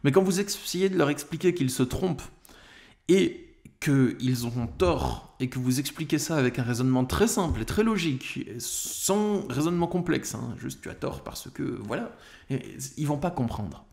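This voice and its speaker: A man's voice: fairly high pitch, expressive, normal speed, creaky, a little mellow. Emphatic French male coach. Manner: emphatic, explains with acted-out examples. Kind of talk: direct-to-camera advice talk.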